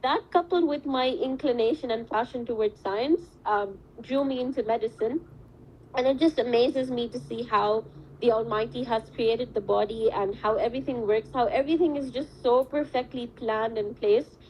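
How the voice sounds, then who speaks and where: A woman's voice: on the high side, normal speed, darkish tone, slight background noise, rough recording. A woman in her twenties from Saudi Arabia, a medical student giving earnest, reflective interview answers at length.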